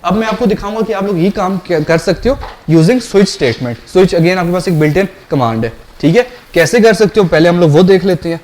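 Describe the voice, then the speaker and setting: A man's voice: sits high, expressive, normal speed, darkish tone. A male lecturer teaching a programming class, explaining step by step and often asking the class questions to check they follow.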